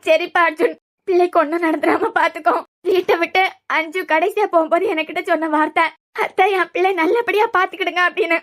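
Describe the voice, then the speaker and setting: A woman's voice: extremely high pitch, fairly even intonation, fast, a bit bright. A woman voicing a grieving older grandmother in a cartoon serial, speaking sorrowfully with a Kanyakumari Tamil accent.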